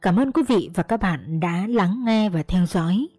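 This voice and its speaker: A woman's voice: on the low side, animated, moderate pace, dark tone, no echo, soft background music. A woman audiobook narrator telling a story with an earnest storyteller's delivery.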